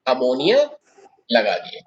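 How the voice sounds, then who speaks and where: A man's voice: medium pitch, big pitch swings, slow pace, dull audio. A man teaching chemistry in a classroom lecture, explaining step by step and putting questions to his students.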